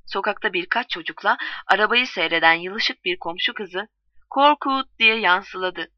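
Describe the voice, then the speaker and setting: A woman's voice: on the low side, no echo. Woman reading a story, distant lo-fi. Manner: calm measured reading, voicing quoted lines. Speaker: narrator. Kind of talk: storybook narration. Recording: distant dull lo-fi recording.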